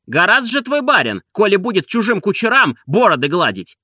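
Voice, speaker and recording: Sneering coachman a guy voices, way up high, bright and snappy, sarcastic. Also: very animated, fairly quick, no echo, studio quality, exaggerated voice. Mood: jeering. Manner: sarcastic, jeering. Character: sneering mocking male coachman, quarrelsome.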